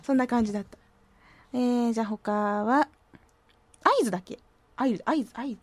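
A woman with a slightly high voice hosts a radio show at normal speed, chatting casually and reading out listener posts with a slight lilt. She's playful and self-mocking and puts on silly voices. There's no room sound.

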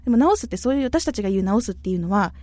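A woman's voice: mid-range voice, expressive, very fast, mellow, no echo. A woman with a Kyushu Japanese accent hosting a radio chat show, reading listener messages in a playful, chatty way and slipping into local dialect. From Kumamoto, Japan.

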